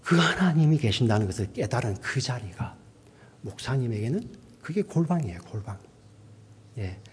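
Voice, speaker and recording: A male pastor delivering a sermon, often checking in with the congregation and moving between a raised voice and a hushed near-whisper. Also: medium pitch, slightly rough. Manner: preaching with frequent "yes" and "right?" asides to the congregation.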